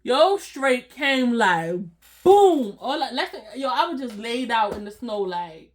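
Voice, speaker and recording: High-voiced, animated woman telling a story. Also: a little slow. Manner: animated, laughing often, slangy. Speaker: vlogger. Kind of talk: casual storytime chat.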